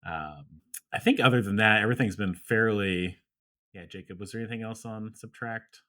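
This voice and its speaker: Bright-voiced laid-back male podcast co-host. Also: lowish voice, moderate pace. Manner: laid-back, laughs often, trailing fillers. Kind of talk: casual chat.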